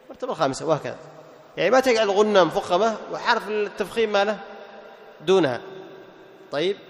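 Students sit in a classroom as an animated teacher with a notably high voice goes over recitation rules. He quizzes them with rapid questions he answers and repeats himself, drops in brief chanted examples, and each phrase rings with long reverb.

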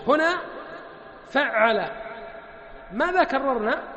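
A male teacher with a very high voice gives a grammar lesson in a hall with long reverb. He keeps putting questions to his students and answering them himself. He stretches out the word forms slowly as he works through them. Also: expressive, pushed and bright, dull audio. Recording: echoey hall.

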